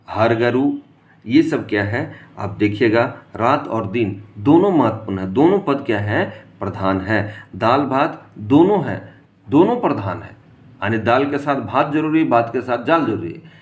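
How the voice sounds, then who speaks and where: Male tutor, mid-pitched, drills terms by repeating them, quizzes the class rhetorically. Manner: asks rhetorical questions and answers them himself; repeats key terms for emphasis. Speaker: teacher. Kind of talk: exam-prep grammar lesson.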